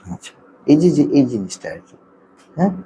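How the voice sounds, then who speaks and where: A man, an occupational therapist, explaining a topic to parents, repeating his points, often checking in with listeners, and sounding out letters slowly. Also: mid-range voice, sing-song, warm tone, slight background noise, rough recording.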